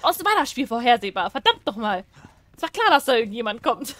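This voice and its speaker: A woman's voice: a little high, very animated, brisk, fairly bright tone. A young woman commenting on a horror game, chatty and jumpy, talking to herself and the characters. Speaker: let's play gamer.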